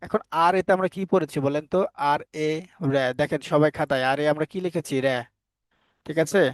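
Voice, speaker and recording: A man teaching phonics in a voice pitched a little high. He quizzes the class and answers himself, then spells each word out sound by sound. The sound is close and dry, with no room echo. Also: brisk. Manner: asks the class questions and answers them himself. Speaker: English teacher. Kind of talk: phonics lesson for Bengali learners.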